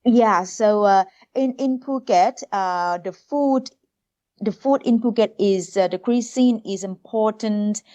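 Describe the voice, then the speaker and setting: A woman's voice: mid-range voice, takes it slowly, mellow, dull audio. Thai-accented woman, hesitant podcast guest. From Thailand. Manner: hesitant, searching for words, many fillers. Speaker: food tour guide. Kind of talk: casual podcast interview.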